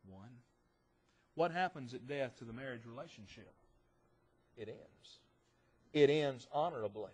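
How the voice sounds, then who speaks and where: A man preaching a sermon in church, stressing phrases loudly and dropping to quiet asides, asking rhetorical questions and answering them himself. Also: mid-range voice, expressive, a little slow, long pauses, breathy edge.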